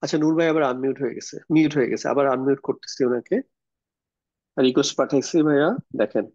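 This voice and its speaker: A man's voice: mid-range voice, quick pace, darkish tone, no echo, highs cut off. A man teaching an online grammar class, explaining step by step and often checking whether the students follow. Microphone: video call.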